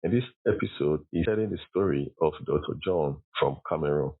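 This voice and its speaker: A man's voice: extremely low pitch, brisk, slightly rough. A young man hosting a podcast, reading a formal prepared introduction and asking interview questions. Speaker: podcast host. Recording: muffled lo-fi sound.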